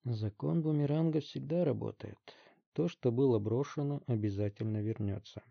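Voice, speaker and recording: A man doing a calm, stern detective. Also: mid-range voice, gravelly, dry recording, dull audio. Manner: calm, measured, drawling. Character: calm, stern middle-aged police detective.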